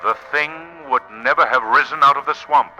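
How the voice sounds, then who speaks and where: An actor playing a sinister, menacing invisible avenger in a 1940s radio drama, with an ominous, theatrical, drawn-out delivery. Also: male voice, medium pitch, sharp tone, soft background music, rough recording. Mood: sinister, mocking. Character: the Shadow, sinister menacing invisible crime fighter. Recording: old 1940s radio recording.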